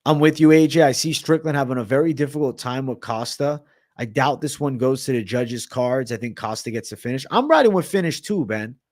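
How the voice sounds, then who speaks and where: Man, livestream host, blunt casual talk, mid-pitched voice, dry close sound. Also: a little fast, a little mellow, no room sound. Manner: blunt, casual, swears freely.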